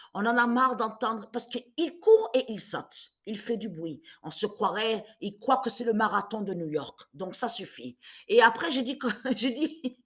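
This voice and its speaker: Woman, 50s, high-ish voice, wildly swooping pitch, angry rant, stammering restarts. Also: fairly bright tone. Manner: agitated, repetitive, stammering restarts. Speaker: vlogger. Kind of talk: angry ranting monologue.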